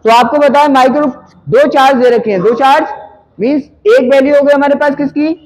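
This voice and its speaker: A man's voice: extremely high pitch, steady tone, a little fast, low-quality recording. A male physics teacher working through a numerical problem in a conversational way, asking students questions and answering them himself.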